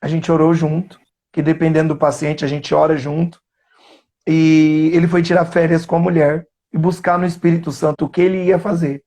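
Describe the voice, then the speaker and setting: A man with a Brazilian Portuguese accent recounts a patient's case in a live interview. His voice sits high for a man, and he tells the story earnestly, slowing down to lean on the important words. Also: level tone, dark tone. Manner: earnest, slows down to stress key words. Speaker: psychoanalyst. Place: remote live stream.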